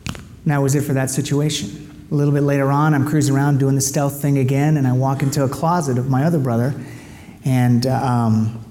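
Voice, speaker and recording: A man from the United States speaks as a guest at a men's gathering, offering a candid, confessional personal testimony and a prayer. His voice is medium-pitched and mellow, with long hall reverb and faint background noise around it.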